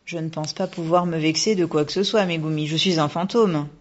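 A woman voicing the ghost of a young male doctor who tells his past in a calm, gentle way. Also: sits low, fairly quick. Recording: dull lo-fi recording.

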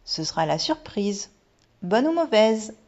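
A woman doing a bouncy excited little girl. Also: mid-range voice, measured pace, voice pushed up. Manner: bouncy, eager, exclaiming. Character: excited young Japanese girl traveler. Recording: dull lo-fi recording.

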